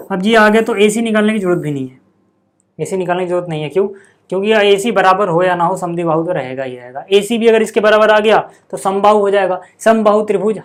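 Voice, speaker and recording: A man's voice: sits high, slight background noise. Chatty male maths teacher. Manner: chatty, repeats 'theek hai' and 'yaar' to students. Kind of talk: board lesson.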